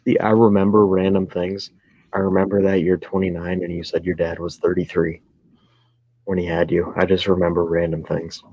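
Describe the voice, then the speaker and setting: Deep husky man in his twenties. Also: little pitch movement, normal speed, no echo. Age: 20s. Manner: rambling, self-correcting. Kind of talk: casual chat. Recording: dry, dull lo-fi sound.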